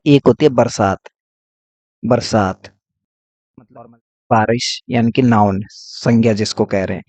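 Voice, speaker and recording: A man's voice: mid-range voice, a little mellow, dry recording. A man teaching English grammar, explaining patiently and repeating key points with frequent checks. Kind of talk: classroom-style lesson.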